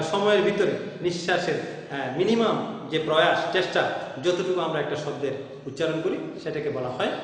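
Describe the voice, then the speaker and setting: A man teaching a grammar lesson, repeating terms and asking questions he then answers, with frequent hesitant fillers. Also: high voice. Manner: repetitive, asks questions then answers them himself. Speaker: college Bengali teacher. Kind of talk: classroom grammar lecture. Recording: very echoey room with long reverb.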